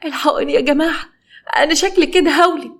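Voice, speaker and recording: Pleading pregnant wife in an Egyptian storybook, high and wailing, voiced by a woman narrator. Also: rapid-fire, vocal fry. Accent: Egyptian Arabic. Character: pregnant young wife faking labor, pleading.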